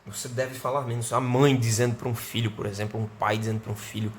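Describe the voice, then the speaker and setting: A Brazilian man teaching an English grammar lesson online. He explains patiently, keeps asking "né?" and "certo?", and slows down to model the English sentences. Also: medium pitch, steady tone, slight background noise. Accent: Brazilian Portuguese.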